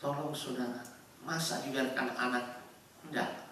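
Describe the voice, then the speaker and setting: A man's voice: mid-range voice, fairly even intonation, a little slow, recorded from a distance, slight background noise. Impassioned preacher man in an echoey hall. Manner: impassioned preaching, swinging between loud exhortation and hushed storytelling. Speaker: pastor. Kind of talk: sermon. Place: church hall.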